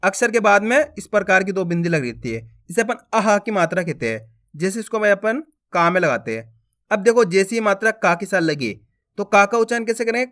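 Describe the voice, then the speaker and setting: Guy teaching hindi syllables, says each one slow and loud, keeps asking if you got it. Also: sits high, expressive. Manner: slow, drawn-out syllable drills with questions to the viewer. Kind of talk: lesson on reading Hindi letters.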